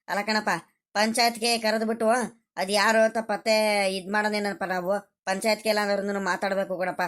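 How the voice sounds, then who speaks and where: In cartoon voice acting, a woman with a mid-range voice plays the gentle grown child of a village family, a peacemaker. Her lightly acted delivery is pleading and soothing, and she repeats her calls.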